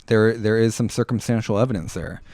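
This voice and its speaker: A man hosts a casual live radio talk show, rambling haltingly through listener comments and frequently repeating words and phrases. His voice is on the low side with a darkish tone, and there's no room sound.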